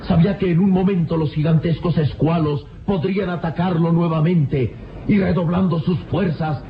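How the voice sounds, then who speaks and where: A man's voice: fairly high pitch, fairly even intonation, normal speed, noisy background. A man narrating an old radio show with dramatic storytelling, heard on a dull lo-fi recording. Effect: old radio show sound, dull and lo-fi.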